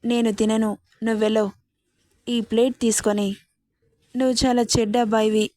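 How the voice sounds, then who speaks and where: A stubborn fifteen-year-old bride from a storybook , voiced by a woman, pleading one moment and childishly defiant the next. Her voice is a little high and soft, recorded dry and close. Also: flat delivery, normal speed, no room sound, lightly acted.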